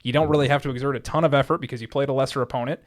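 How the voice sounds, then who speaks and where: A man talking quickly on a sports podcast, loose and conversational. He rambles, circles back and repeats phrases while making his case, at a medium pitch. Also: steady tone. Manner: rambling, repeats himself when worked up. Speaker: podcast co-host. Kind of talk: casual sports chat.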